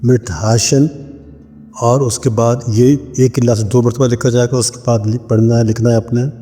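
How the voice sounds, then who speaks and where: A man from Pakistan, a spiritual practitioner, teaching a ritual step by step. He speaks slowly and deliberately, repeating each word several times as he dictates it. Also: mid-range voice, flat delivery, warm tone. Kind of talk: instructional talk. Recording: long reverb with faint background music.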